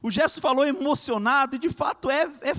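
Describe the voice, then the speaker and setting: A man preaching a fervent sermon, swinging between loud cries and hushed lines. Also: very high-pitched, quick pace, long reverb tail.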